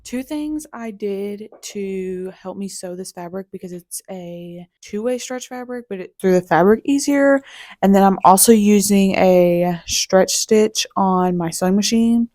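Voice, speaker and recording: A young woman hosting a casual home sewing tutorial, chatty and quick to interrupt herself. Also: mid-range voice, mellow. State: a little out of breath. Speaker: sewing channel host.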